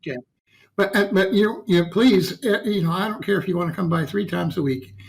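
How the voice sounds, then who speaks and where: Gravelly guy hosting a stream interview, kinda high voice, folksy, always goes "okay?" and "yeah". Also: brisk, low-quality recording. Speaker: talk show host. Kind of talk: casual interview chat.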